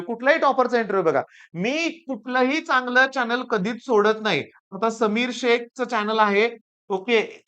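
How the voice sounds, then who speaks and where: A man's voice: very high-pitched, a bit bright, clear, resonant tone. Stern lecturing male teacher, muffled sound. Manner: stern, lecturing, repeats phrases for emphasis. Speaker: coaching class teacher. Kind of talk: scolding motivational talk to students. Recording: dull lo-fi recording.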